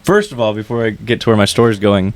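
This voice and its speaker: A man's voice: fairly low pitch, lively intonation, fast. A young man co-hosting a podcast, telling loose, profane stories in casual chat. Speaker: podcast co-host.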